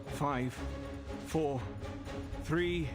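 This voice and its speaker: Game launch officer, slow and measured, bit high, formal mission debrief announcements. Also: male voice, music in the background. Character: male military launch officer, measured, earnest comrade. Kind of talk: video game voice acting.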